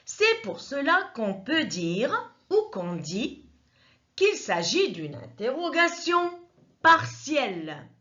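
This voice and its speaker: A woman teaches a grammar lesson at an unhurried pace. She repeats each point methodically, and her high voice swings widely in pitch. The recording is dull and lo-fi. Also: sing-song, bright, forceful tone. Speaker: French teacher.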